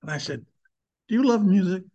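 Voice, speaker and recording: A man's voice: high-pitched, expressive, fairly quick, mellow, lo-fi sound. An older man speaking earnestly and with emphasis, preaching and sharing a personal testimony with his listeners.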